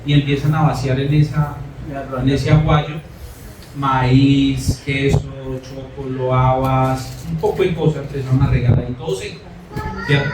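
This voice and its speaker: A man's voice: medium pitch, fairly even intonation, measured pace, background noise. A man preaching a sermon, telling a personal story in a conversational way and often asking "¿cierto?". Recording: echoey room, mic far off.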